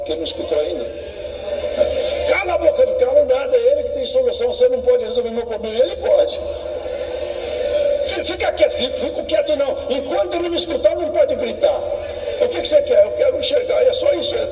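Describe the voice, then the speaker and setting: A man with a Brazilian Portuguese accent preaching a fervent sermon with personal testimony, swinging from loud exclamations to quiet asides. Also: sits high, a little hiss or hum. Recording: echoey hall from far off.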